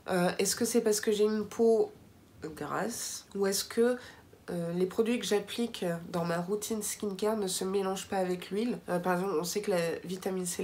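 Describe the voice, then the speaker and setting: A woman's voice: medium pitch, a little mellow, slight background noise. Chatty woman reviewing beauty products. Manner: chatty, frequent fillers and asides to viewers. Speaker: beauty vlogger. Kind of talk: casual product review vlog.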